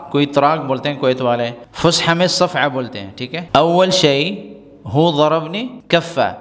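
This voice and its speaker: A male teacher giving a spoken Arabic lesson, explaining each phrase in Urdu. He drills phrases patiently, repeating them slowly so learners can follow. His voice is medium-pitched and sits in a room with a long, trailing reverb. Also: a bit bright.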